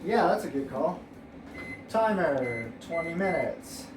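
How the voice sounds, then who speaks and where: A man cooking in a home kitchen talks casually, rambling and cracking jokes as he goes. His voice is mid-pitched and picked up from some distance. The room rings with echo and steady noise. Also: takes it slowly. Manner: rambling, joking, playful. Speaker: home cook and host. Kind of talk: casual cooking show chat. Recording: echoey kitchen, mic at a distance.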